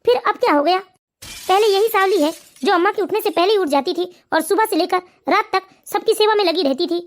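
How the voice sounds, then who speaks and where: Someone voicing a fast-talking cartoon husband. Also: very high voice. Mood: puzzled. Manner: pleading, hurried questions. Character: earnest grown son and husband. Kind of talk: animated cartoon voice acting.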